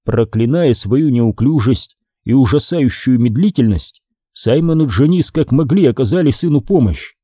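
A man of medium pitch narrates a scripted horror audiobook, reading in a measured, expressive storytelling style. It is studio-quality audio with no room sound.

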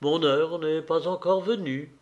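Man reading amiable polite nobleman, slow, a bit high. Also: fairly even intonation, darkish tone, lo-fi sound, natural voice. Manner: polite, agreeable. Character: amiable, easygoing nobleman, middle-aged man.

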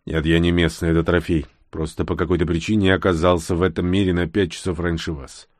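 A man voicing a gruff former marine who gives curt, barked orders in an audiobook. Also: low voice, little pitch movement, fast talker, dry recording, clean studio sound. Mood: guarded.

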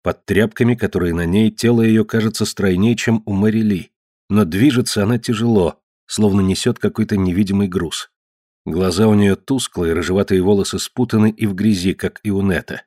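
A man narrating an audiobook in a measured, descriptive way. His voice sits fairly low. It is recorded close and dry, with no room around it. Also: warm tone, no room sound. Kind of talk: scripted narration.

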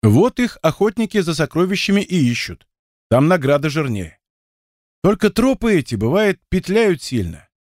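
A man's voice: a little high, big pitch swings, darkish tone, no echo, studio quality. A man reading the part of a boastful young male dancer who spins tall tales and takes offence easily. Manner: boastful, quick to take offence.

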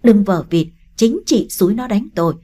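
A woman's voice: mid-range voice, lively intonation, normal speed, warm tone, husky. A woman voicing a hostile, melodramatic young woman in an audiobook story. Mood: accusing. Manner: accusing, melodramatic. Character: hostile, histrionic young woman, scheming and shrill. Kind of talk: audiobook character reading.

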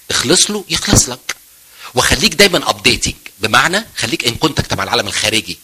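A middle-aged man with an Egyptian accent giving a joking, lively talk to medical students, asking and answering his own questions. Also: mid-range voice, husky. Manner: joking, mixes English terms, asks and answers himself. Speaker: physiology professor giving a talk.

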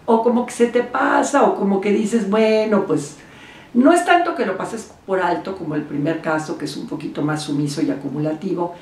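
A woman gives relationship advice as a therapist. She talks in an animated way and acts out the voices she quotes. She sounds set back from the microphone in a room with a noticeable echo. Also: fairly low pitch, a little fast, few pauses, a little hiss or hum. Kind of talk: advice talk to camera. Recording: roomy echo, speaker far from mic.

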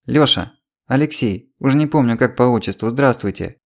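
A man's voice: medium pitch, close to an everyday voice. A man voicing a scheming female market trader with a Ukrainian accent, rattling off tearful complaints. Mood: wheedling complaint. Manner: rapid tearful patter, complaining. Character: sly chattering market trader woman, scheming.

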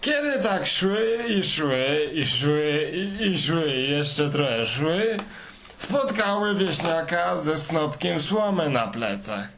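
A man's voice: a little high, sing-song, a bit bright, a little hiss or hum. A man narrating a comic fairy tale as a rambling, forgetful grandfather, heard from an old worn tape recording of poor quality. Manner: slow, rambling, forgetful, hesitant. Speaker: storyteller grandfather.

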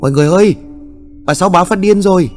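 Frantic young village boy put on by a male narrator, shouting, high-pitched, storybook telling. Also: fast talker, faint music behind, close to an everyday voice. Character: panicky young village lad, breathless messenger.

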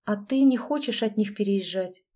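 A blunt, probing woman friend, as read by a woman storyteller, pointed in her questions. The voice is mellow and soft. It is a storybook read-aloud. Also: mid-range voice, moderate pace, lightly acted.

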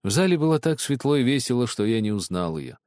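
A man narrating literary prose as an audiobook in a measured, expressive way. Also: mid-range voice, no room sound, studio quality.

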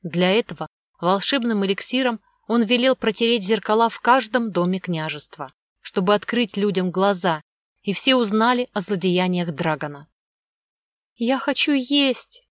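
A woman reads a fairy-tale audiobook in an even, measured way. Her voice is mid-pitched and the sound is close and dry. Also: dry recording. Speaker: audiobook narrator. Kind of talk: scripted narration.

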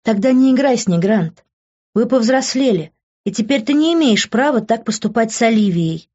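Woman reading as a middle-aged mom lecturing her grown son, high and loud and insistent, kinda dull lo-fi sound. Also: expressive, normal speed. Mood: scolding. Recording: dull lo-fi recording.

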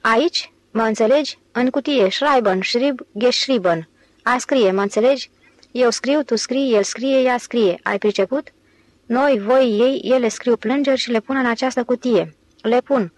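A woman's voice: on the high side, no room sound, low-quality recording. Woman reading as a mocking male con man. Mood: lecturing. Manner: loud, slow, over-spelled, teacher-like. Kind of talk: audiobook character reading.

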